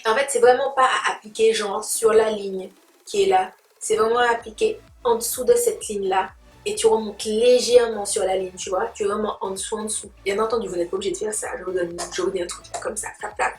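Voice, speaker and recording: A woman with a medium-pitched, steady voice talks a little fast as she gives a casual makeup tutorial. She's a beauty vlogger, chatting playfully in slang and treating viewers like friends. The room sounds roomy, the mic is distant, and music plays behind her.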